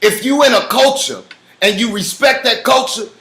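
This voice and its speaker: A man's voice: very high-pitched, normal speed, sharp tone. A man being interviewed, arguing heatedly, swearing and talking over the host. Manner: profane, insistent, talks over the host. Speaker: interview guest. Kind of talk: heated argument. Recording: roomy studio echo.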